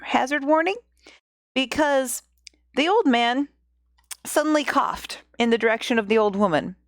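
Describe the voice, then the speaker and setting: A woman's voice: high voice, expressive, a little slow, no echo, studio quality. A woman hosting a podcast, retelling a fairy tale in a chatty, jokey way with asides. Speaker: podcast host and storyteller. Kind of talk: casual storytelling with asides.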